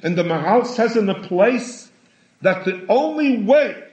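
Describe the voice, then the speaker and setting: A man giving a sermon in a halting way, often repeating words and rising in pitch for emphasis. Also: expressive, a little mellow. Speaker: rabbi. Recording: echoey room, dull lo-fi sound.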